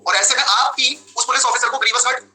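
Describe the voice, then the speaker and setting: Bright-voiced man teaching a law class. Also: very high-pitched, quick pace, poor audio. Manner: lively, switches between Hindi and English, acts out examples. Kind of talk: live online class lecture.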